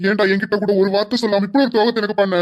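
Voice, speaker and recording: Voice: medium pitch, little pitch movement, very fast, natural voice. A performer voicing a middle-aged father who accuses an old friend of betraying him and demands to know where his daughter is. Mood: accusing.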